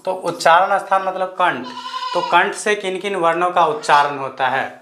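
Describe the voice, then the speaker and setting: A male teacher with a slightly high voice gives an online grammar lesson. He drills lists of letters slowly and repeats them, asking viewers to try them aloud. The room around him sounds echoey. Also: steady tone, noisy background.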